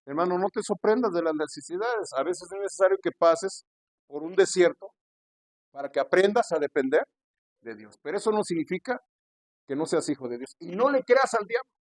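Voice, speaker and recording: A man's voice: fairly high pitch, moderate pace, no echo. Man, pastor preaching, earnest and pleading, raised voice, dry close sound. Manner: earnest preaching, addresses listeners as brother again and again. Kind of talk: sermon.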